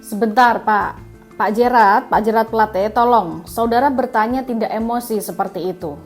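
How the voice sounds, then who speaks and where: A middle-aged male judge, stern but fond of a joke, fires off sharp rapid questions in a high, raised voice, as a woman news host puts him on. Faint music plays underneath. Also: close to an everyday voice. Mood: joking rebuke.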